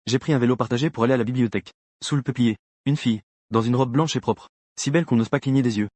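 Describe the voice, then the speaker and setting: A man narrating a first-person story for a comic dub with a rapid, even delivery. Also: medium pitch, dry recording.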